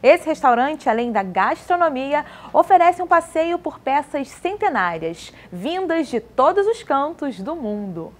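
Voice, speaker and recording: A Brazilian woman in her thirties, a TV reporter reading scripted narration in a smooth, measured way. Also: high-pitched, big pitch swings. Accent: Brazilian Portuguese.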